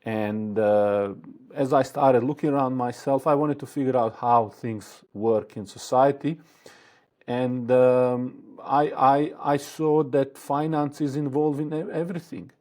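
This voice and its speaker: A man from Bosnia, a guest answering interview questions in a thoughtful, halting way with many fillers and restarts. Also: mid-range voice, steady tone, a little mellow.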